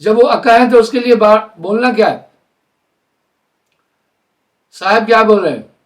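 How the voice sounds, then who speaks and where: An older man giving a live spiritual discourse in a deliberate, explanatory way, slowing down to spell out sounds. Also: high-pitched, recorded from a distance. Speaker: spiritual teacher.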